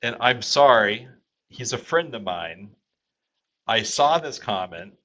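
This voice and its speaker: A man's voice: medium pitch, lively intonation, slow pace, pushed and bright, poor audio. A man from Texas hosting a casual livestream, rambling with many fillers as he reads viewer comments aloud. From Texas, USA. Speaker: livestream host.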